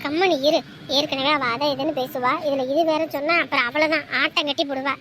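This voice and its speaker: A woman playing a brisk, bossy village mother who scolds and welcomes guests in a family drama. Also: high voice, fairly even intonation, a crowd in the background, close to an everyday voice.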